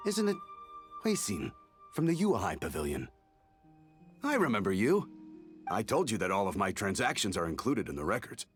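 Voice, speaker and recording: An actor playing a nervous, shifty merchant in a game who stammers and gets defensive. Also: male voice, lowish voice, wildly swooping pitch, moderate pace, pauses often, soft background music. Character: nervous, shifty middle-aged male merchant.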